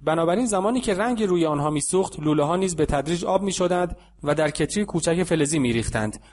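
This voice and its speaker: In a calm, even narrating voice pitched fairly high, a man reads an audiobook story aloud, lending the characters light voices during the dialogue.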